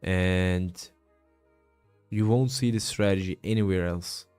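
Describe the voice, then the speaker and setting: A day trading streamer in his twenties, late twenties in fact, talks casually through his trades on a live stream and answers chat, using lots of fillers and calling viewers "bro." He sounds tired after a long session. His voice sits low and slow, with a darkish, clear, resonant tone over soft background music.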